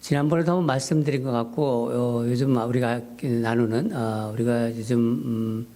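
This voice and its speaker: This pastor speaks at a medium pitch and normal speed from a church sanctuary, preaching a sermon and telling a story from his church life. He's animated, and his voice rises when he quotes his own prayers.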